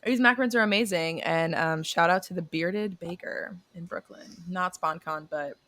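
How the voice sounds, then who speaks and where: A young woman co-hosts a podcast, chatting casually and animatedly, laughing often and swearing occasionally. Her voice is lowish at normal speed, with a noisy background.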